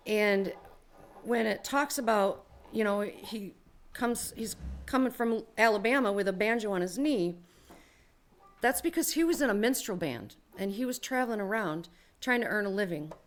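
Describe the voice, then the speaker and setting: A woman's voice: mid-range voice, expressive, normal speed. A woman musician talking casually to a live audience from a stage, chatty and explanatory, with many filler phrases. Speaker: singer and musician hosting a live show. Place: barn music venue before a live audience.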